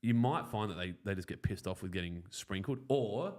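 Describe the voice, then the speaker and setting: Here the lawn care host sounds low-ish, animated and slightly mellow, talking at normal speed. Broadly Australian, blokey and fond of swearing and gags, he runs an easygoing live chat responding to viewers.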